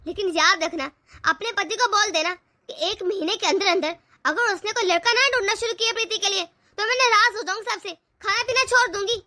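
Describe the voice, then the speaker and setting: A woman voicing a strict, stubborn older mother-in-law in an animated family cartoon, nagging and scolding her family. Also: extremely high pitch, brisk, no echo.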